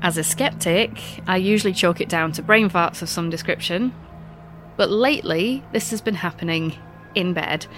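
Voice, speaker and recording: Her voice is lowish and fairly bright, moving at a moderate pace with slight background noise. She's a podcast host reading a scripted monologue, poking fun at herself as she tells stories, her nose blocked from a recent illness.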